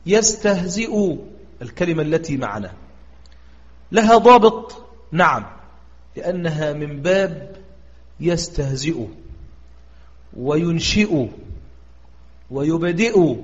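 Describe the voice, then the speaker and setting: A man with an Egyptian accent teaching a recitation lesson, quizzing his students and drawing out example words slowly. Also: fairly high pitch. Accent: Egyptian Arabic. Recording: echoey, dull lo-fi audio.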